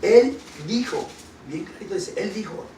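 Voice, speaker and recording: A man preaching a sermon. He reads scripture slowly and then explains it with questions to the congregation. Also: high-pitched, animated, dark tone, echoey room, far from the mic, a little hiss or hum, poor audio. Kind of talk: sermon with Bible reading.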